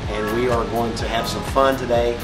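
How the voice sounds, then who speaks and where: A man's voice: medium pitch, fairly even intonation, normal speed. Joking man hosting in a lab. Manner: joking, loose, upbeat. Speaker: show host. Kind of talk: casual hosting a campus video tour. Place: indoor chemistry lab. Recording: roomy lab sound, mic at a distance, music under.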